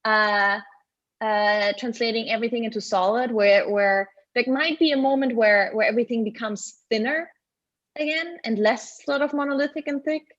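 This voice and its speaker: A woman with a German accent giving a halting, filler-heavy critique of student projects over a video call. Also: on the high side, dull audio. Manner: hesitant, many restarts and fillers. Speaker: guest critic. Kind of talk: online design review critique.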